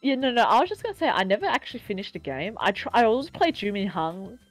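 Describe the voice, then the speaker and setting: A woman hosting a casual podcast chat, excitable and laughing often. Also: mid-range voice, fast talker, faint music behind, rough recording. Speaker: podcast host.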